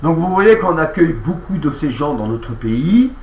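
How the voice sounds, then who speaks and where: A man's voice: fairly high pitch, sing-song, moderate pace, noisy background. A man in a casual monologue, earnest and repetitive, speaking directly to the president while reacting to a radio clip. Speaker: online commentator. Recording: roomy echo.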